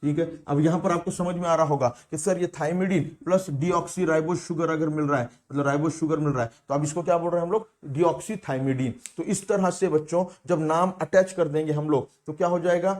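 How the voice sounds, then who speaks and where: A male biology teacher, his voice sitting a little higher than most men's. He lectures a class, asking questions and repeating each key term for the students to catch. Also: fairly even intonation, fairly quick, few pauses, darkish tone.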